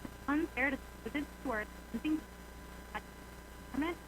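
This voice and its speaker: A woman speaks through a remote call whose sound stutters, drops and breaks up mid-phrase. Her voice sits fairly high, and a thick layer of line noise runs under it. She speaks earnestly, urging change in a prepared public comment. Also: a little fast. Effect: choppy breaking-up call audio that stutters and drops words. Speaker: citizen speaker at a public meeting. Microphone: remote call connection.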